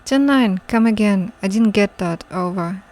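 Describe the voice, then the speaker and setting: A woman's voice: medium pitch, normal speed, darkish tone, lightly acted. A woman voicing a formal male police radio dispatcher who speaks in clipped radio protocol, reading game dialogue aloud. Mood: businesslike.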